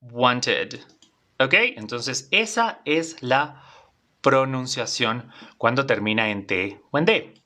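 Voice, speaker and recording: A man's voice: medium pitch, lively intonation, slow pace, pushed and bright. A man teaching an English class in Spanish, patient and repetitive, often checking in with his students. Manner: patient, repeats phrases, checks in with "¿vale?".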